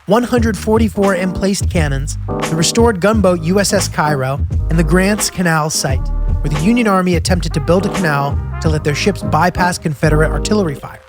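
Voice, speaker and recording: A man narrates his road trip in a scripted, storytelling voice that sits a little high for a man. His humor is wry and self-deprecating. Music plays clearly under him the whole way. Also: a little fast. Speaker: host and narrator of a travel series.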